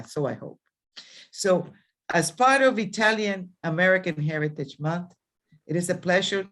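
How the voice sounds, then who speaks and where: Speaking over a video call, an older Dominican woman who serves as a college president gives a rambling ceremonial speech in a low voice. It's full of fillers and restarts.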